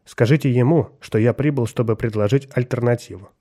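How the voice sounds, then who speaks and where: A man reading an audiobook, voicing a stern human starship captain who speaks loudly and forcefully. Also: medium pitch, fairly quick, no room sound, studio quality, lightly acted. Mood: firm. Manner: forceful, commanding.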